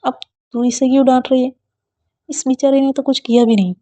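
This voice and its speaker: A woman's voice: medium pitch, normal speed, dark tone, natural voice. A woman voicing a playful old grandmother who scolds her granddaughter in a teasing, mock-stern way in a storybook reading. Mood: teasing scolding.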